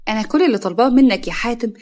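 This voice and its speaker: A crafty young bride in an Egyptian family drama, speaking coyly and quickly, put on by a female narrator. Her voice sits at an ordinary pitch, pouting and sulky. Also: animated, a little mellow, lightly acted. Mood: tearful.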